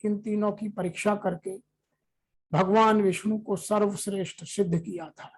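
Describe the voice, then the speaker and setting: A scripture teacher, reading verses slowly and then explaining them in a steady, measured commentary. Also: mid-range voice, low-quality recording.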